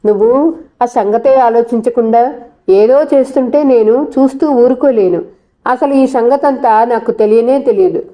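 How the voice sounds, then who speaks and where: A woman's voice: on the high side, measured pace, warm tone, lightly acted. A woman voicing a stern elderly grandmother who speaks in a scolding, commanding way. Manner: authoritative, scolding.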